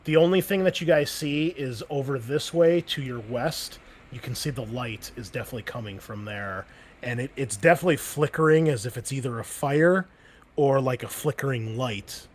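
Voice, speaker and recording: This mid-range male voice, at normal speed, belongs to a game master running a tabletop session over a call. He talks in a loose, chatty way packed with "like" and "um," and a slight hiss or hum is present.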